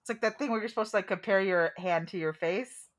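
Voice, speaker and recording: A woman co-hosting a podcast in casual chat over a video call, excitable, joking and quick to laugh. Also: medium pitch. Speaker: podcast co-host.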